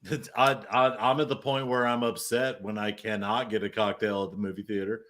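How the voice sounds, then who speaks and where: A man's voice: lowish voice, flat delivery, a little fast, a bit bright. A man in casual chat on a stream, blunt and profane, making his points with emphasis.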